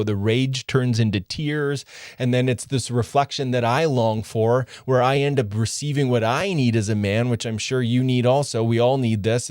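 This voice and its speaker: A man's voice: on the low side, a little mellow, dry recording, studio quality. A man coaching other men on relationships, talking earnestly in short, clipped phrases. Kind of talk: direct coaching monologue.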